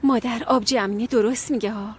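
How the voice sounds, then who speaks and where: A resigned young wife in a dubbed TV drama. Her high voice is husky and weary. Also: fairly even intonation, darkish tone. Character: young married woman, resigned and tired.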